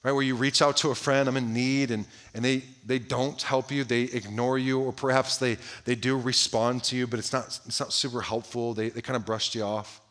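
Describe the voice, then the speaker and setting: A man preaching a sermon, asking his listeners question after question, often restarting phrases and letting line endings sink to a near hush. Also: medium pitch, flat delivery, moderate pace, few pauses. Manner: asks the listeners many direct questions; drops to a hushed voice at the ends of phrases. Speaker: pastor.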